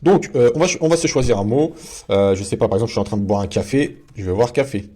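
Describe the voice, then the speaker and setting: A man's voice: mid-range voice, fast, warm tone. A man giving a casual screen-share tutorial as a video host, talking in a chatty way with many fillers and restarts.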